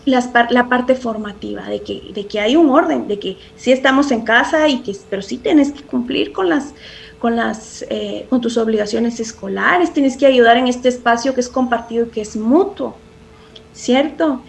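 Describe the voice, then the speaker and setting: A woman with a notably high voice talks through parenting in a podcast interview. She is earnest and reflective, often restarting phrases and tagging questions onto her points. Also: moderate pace, vocal fry. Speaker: parenting guest expert.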